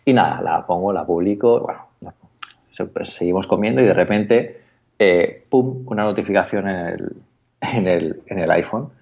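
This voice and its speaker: Podcast co-host: male, slightly low voice, lively rambling storyteller who laughs often. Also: normal speed, vocal fry, slightly rough, muffled recording. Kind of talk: casual podcast chat, personal anecdote.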